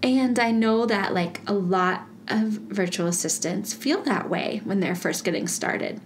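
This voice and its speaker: A woman's voice: medium pitch, measured pace, slight background noise. A woman hosting her own podcast in a bubbly, chatty way, laughing often as she talks to listeners. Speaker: podcast host. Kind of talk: casual solo podcast.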